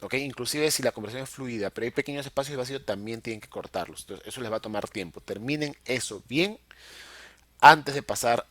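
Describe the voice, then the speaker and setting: Speaking at a quick pace in a medium-pitched, slightly bright voice with no echo, a middle-aged man teaches video editing in a screen-recorded tutorial. He walks through each step patiently, frequently checking on his students.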